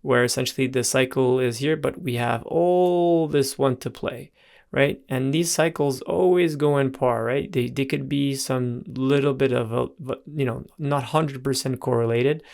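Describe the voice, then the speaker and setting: A middle-aged man with a gravelly, fry-edged voice at a mid pitch hosts and talks through charts. He explains off the cuff, stumbles and restarts, and checks in with "right?" as he goes. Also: fairly even intonation, normal speed, darkish tone. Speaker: host. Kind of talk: explaining market analysis over charts.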